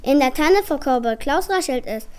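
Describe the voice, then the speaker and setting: A woman reading a children's story aloud with lively, clear storybook delivery. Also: sits high, normal speed.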